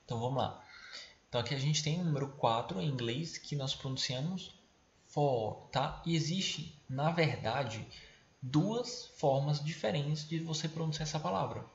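A patient man teaches English to students at home, stopping to check in and slowing down to model each word. His voice sits fairly high. The recording is echoey and dull, with faint noise underneath. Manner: patient, checks in with short tag questions, slows to model words. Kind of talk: remote classroom lesson.

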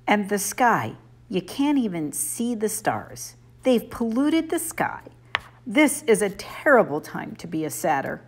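A woman's voice: medium pitch, big pitch swings, a little slow, voice pushed up. A woman voicing an earnest, plaintive young male satyr in an audiobook. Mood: sad.

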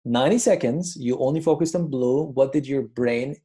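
A man's voice: mid-range voice, normal speed, warm tone. A middle-aged man leading a stress workshop in a casual, emphatic way, often repeating phrases for emphasis. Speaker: workshop presenter. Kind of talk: motivational workshop talk.

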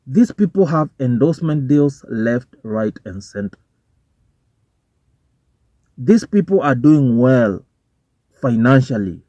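A young Kenyan man vlogs to camera from a parked car, his medium-pitched voice warm and very animated, moving slowly with long pauses. His commentary is casual and profane, swearing freely and switching between English and Swahili slang in a Kenyan accent. A phone or camera on the dashboard captures the dull, dry car sound.

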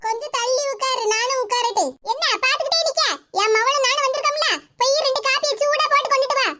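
A woman voicing a sharp-tongued village mother-in-law over sixty in an animated cartoon, speaking with a Tirunelveli Tamil accent. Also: very high voice, fast. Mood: scolding. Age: over 60 (figure). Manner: scolding, nagging. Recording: noisy cartoon audio track.

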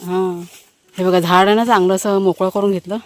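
A woman's voice: medium pitch, level tone, brisk, darkish tone. A woman family vlogger chatting casually to her viewers while she works outdoors in a village garden, talking fondly to her dogs, recorded on a handheld phone.

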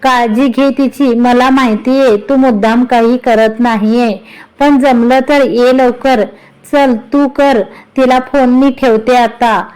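A woman's voice: on the high side, fairly even intonation, slow, a little mellow, clean tone, poor audio. A woman reading the part of an older mother figure who coaxes and teases her son affectionately, storybook-style. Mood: coaxing. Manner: coaxing, affectionate.

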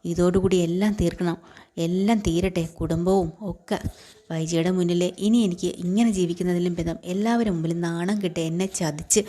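Lady narrating a tv serial story, chatty, lowish mellow voice. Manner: conversational narration, voicing characters' lines in passing. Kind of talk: retelling a TV serial episode.

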